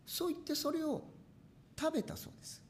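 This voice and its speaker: A pastor telling a story in a sermon, animated and acting out machine noises with sound words. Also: high voice, a little fast, a little hiss or hum.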